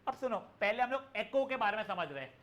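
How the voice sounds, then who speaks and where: A young man teaches physics to students in an online class. His voice sits high and sounds bright. He explains in a chatty mix of Hindi and English and calls the students "beta". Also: sing-song, fast talker. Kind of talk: live online class lecture.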